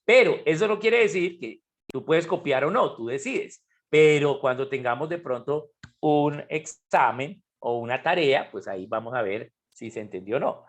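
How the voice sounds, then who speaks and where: Guy teaching chem over a video call, kinda high voice, keeps asking "right?". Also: lively intonation, normal speed. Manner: explanatory, asks frequent checking questions. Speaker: chemistry teacher. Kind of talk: online class lecture. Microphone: computer mic on a video call.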